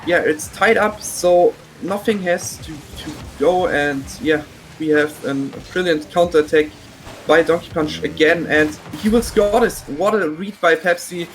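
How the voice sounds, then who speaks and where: A man giving color commentary on a live esports match, analysing plays in a halting way. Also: a little high, slight background noise, poor audio. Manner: halting, analytical, many fillers and restarts.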